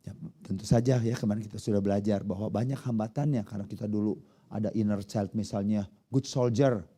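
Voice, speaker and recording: A pastor preaching a conversational sermon, often putting questions to the congregation. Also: male voice, on the low side, fairly even intonation, brisk, warm tone.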